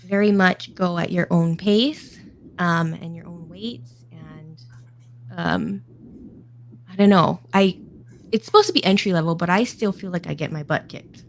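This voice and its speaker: A woman's voice: on the low side, measured pace, creaky, slight background noise. A woman chatting casually and encouragingly as a guest mom, often laughing. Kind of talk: casual chat.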